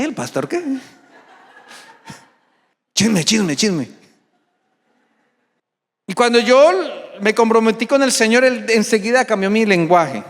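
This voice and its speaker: A man's voice: high voice, a bit bright. A young adult man preaching a sermon as pastor, emphatic, repeatedly posing rhetorical questions to the congregation. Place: large church sanctuary. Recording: long reverb of a large hall.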